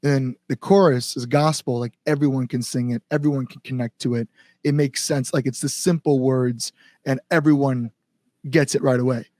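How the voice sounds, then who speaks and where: Speaking at a moderate pace, this man has a mid-range, steady, slightly mellow voice with no room sound. He's a musician chatting on a podcast, telling rambling stories packed with "likes" and acted-out thoughts.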